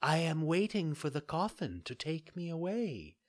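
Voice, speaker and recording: A man voicing a pale, dying maiden in an audiobook, speaking faintly and slowly, barely above a whisper. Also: on the high side, sing-song, voice pushed up. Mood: ghostly. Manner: faint, slow, near-whispered. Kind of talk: audiobook character voice.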